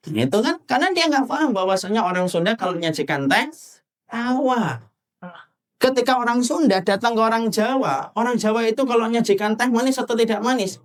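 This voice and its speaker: Animated Indonesian man preaching. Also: very high-pitched. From Java. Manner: animated, rhetorical questions to the audience, acts out husband and wife. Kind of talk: sermon.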